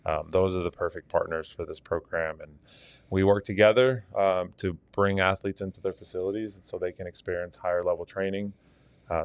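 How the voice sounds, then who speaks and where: A man's voice: deep voice, smooth, no echo. A man from Argentina, a fitness coach, talking earnestly as a podcast guest with many fillers. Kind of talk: casual interview talk.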